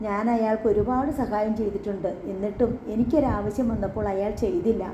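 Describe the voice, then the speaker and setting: A woman's voice: mid-range voice, fairly even intonation, a little fast, warm tone, roomy sound, slight background noise, lightly acted. A woman voicing an older senior police officer who explains himself earnestly and with regret.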